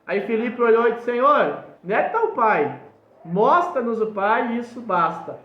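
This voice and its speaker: A man's voice: very high voice, lively intonation, moderate pace, echoey room, dull audio. A male pastor, preaching emphatically and quoting scripture verse by verse. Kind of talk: sermon.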